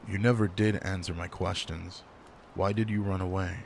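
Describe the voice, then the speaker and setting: Speaking low and near the mic, a man voices a gruff alpha werewolf in an audio drama roleplay: gravelly, slow and commanding, but guarded, caring and teasing too. The tone is steady and a little mellow, the mood brisk and caring, over faint rain and slight background noise.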